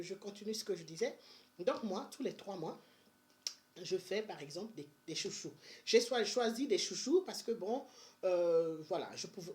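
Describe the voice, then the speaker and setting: Chatty woman vlogger. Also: mid-range voice. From Benin. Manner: chatty and energetic, with many fillers and restarts. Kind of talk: casual money-saving advice vlog.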